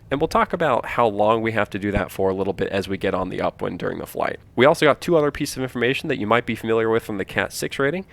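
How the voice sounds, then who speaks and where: Gravelly male flight instructor explaining procedures. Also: fairly low pitch. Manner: explanatory, informal, repeats key points for emphasis. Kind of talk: instructional flight simulator walkthrough.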